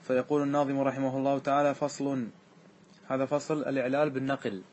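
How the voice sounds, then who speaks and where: A man teaching a classroom grammar lesson, slowly repeating word forms and often checking that his students follow. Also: mid-range voice, level tone, darkish tone, slight background noise. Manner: asks students frequent check questions; repeats words slowly to show their forms.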